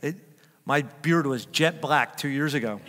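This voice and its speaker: An older man preaching a sermon as pastor, chatting and joking with his congregation, then rising to loud emphatic peaks. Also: on the high side, measured pace, in a large hall. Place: church sanctuary.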